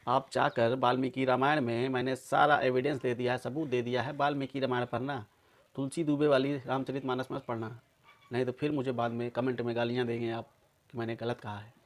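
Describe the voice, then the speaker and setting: Male commentator, mid-pitched, emphatic, accusing delivery straight to camera audience. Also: flat delivery, a little fast. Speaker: video commentator. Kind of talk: polemical monologue to viewers.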